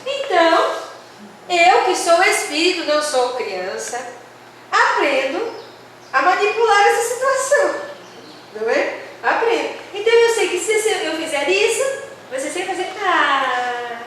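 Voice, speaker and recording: Her pitch extremely high and her tone fairly bright, this São Paulo-accented Brazilian woman speaks at a measured pace and very animatedly. Addressing religious teachers in a community hall workshop, she chats with the audience through questions and voices the people she quotes. The recording has a distant mic, heavy hall echo, and faint noise.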